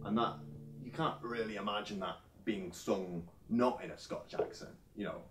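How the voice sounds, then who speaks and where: For a mockumentary interview, an actor takes on the part of an earnest, clueless male folk singer who rambles, hesitates and leans on filler sounds. His fairly low voice is close to an everyday one and moves at a moderate pace, recorded with heavy background noise and a roomy, distant sound.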